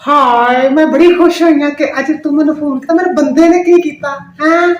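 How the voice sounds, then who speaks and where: Comedy skit aunty, played by a woman: Pakistani Punjabi, high-pitched, loud, excitable, melodramatic exclamations, echoey room. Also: moderate pace, highs cut off, close to an everyday voice. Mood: excited, gushing. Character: loud, dramatic, excitable village aunty and wife. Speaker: actor in a family comedy vlog. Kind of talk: family comedy skit acting. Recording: roomy echo with clear background noise.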